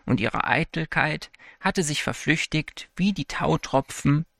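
A man reading a fairy tale aloud in a calm, even storytelling manner. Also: fairly high pitch, a little slow, vocal fry. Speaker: narrator. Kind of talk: scripted fairy-tale narration.

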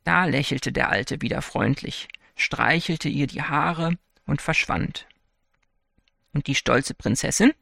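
A man reading a fairy tale aloud in a calm, even storytelling manner. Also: a little high, takes it slowly, creaky, no echo, studio quality. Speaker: narrator. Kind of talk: scripted fairy-tale narration.

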